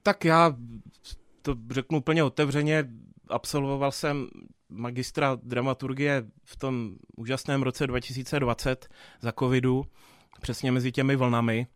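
A man's voice: medium pitch, little pitch movement, clear, resonant tone, no echo, studio quality. A young man, a theatre dramaturg answering interview questions thoughtfully, with many fillers and restarts. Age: 20s.

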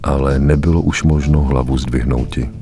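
A man reading a story aloud as a narrator, grave and measured, with weighty pauses. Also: extremely low pitch, fairly even intonation, mellow, faint music behind. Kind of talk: dramatic audiobook narration.

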